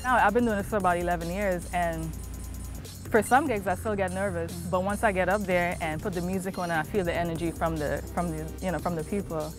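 Easygoing woman, lowish voice. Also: fairly even intonation, a little fast, over music. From Trinidad. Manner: easygoing, with frequent "you know" and "um". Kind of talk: documentary interview. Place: outdoors in a sunny park.

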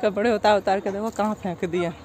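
A woman's voice: medium pitch, steady tone, quick pace, darkish tone. A middle-aged woman from Uttar Pradesh, India, filming a casual daily vlog on a handheld phone. She is chatty, laughs often, and talks to her family and her pet. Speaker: vlogger. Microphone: handheld phone camera. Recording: roomy phone audio with background noise.

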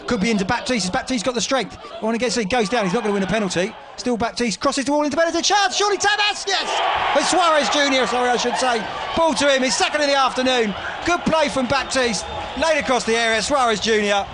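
A man giving excited, often shouted live football commentary on the radio from a ground. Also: very high-pitched, quick pace. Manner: excited, shouted calls of the action. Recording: noisy radio broadcast with crowd behind. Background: match crowd noise.

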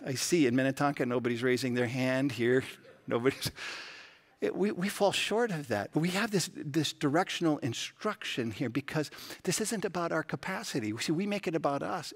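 Male pastor, mid-pitched, conversational storytelling sermon in a church. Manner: storytelling, earnest, conversational preaching. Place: church sanctuary.

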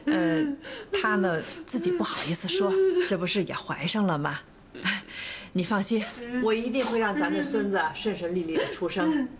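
A woman's voice: medium pitch, sing-song, normal speed, a crowd in the background, lightly acted. An actress playing a doting older mother-in-law who chatters and coaxes her family. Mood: coaxing. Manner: chattering, bustling, coaxing. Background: loud background music.

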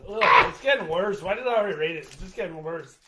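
A high-voiced man whose pitch swings widely, co-hosting a casual snack-rating chat. He is playful and stretches out his exclamations. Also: expressive, fast, fairly bright tone. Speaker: co-host.

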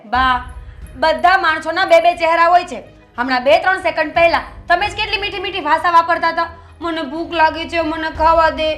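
A sarcastic young daughter-in-law. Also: female voice, very high voice, steady tone, moderate pace, fairly bright tone, soft background music. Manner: sarcastic, curt. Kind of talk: film drama acting. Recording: echoey room.

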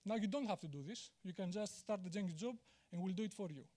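A man's voice: high voice, fast, warm tone. A man, giving a conference talk on stage in a large auditorium, candid and self-deprecating, with many fillers and restarts. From Greece. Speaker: conference speaker. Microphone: handheld mic.

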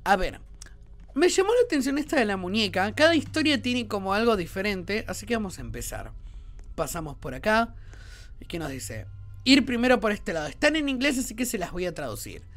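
A man with a Rioplatense accent commenting on a horror game, excitable and prone to shrieking at scares. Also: high voice, fairly quick. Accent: Rioplatense Spanish. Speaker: gaming YouTuber.

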